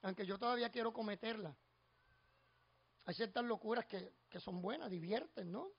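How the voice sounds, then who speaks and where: A middle-aged man with a Puerto Rican accent preaches with a strikingly high voice. He tells homely stories and climbs into fervent, repeated refrains. The recording sounds dull and lo-fi. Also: normal speed, slightly rough. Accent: Puerto Rican Spanish. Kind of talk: expository sermon with personal stories.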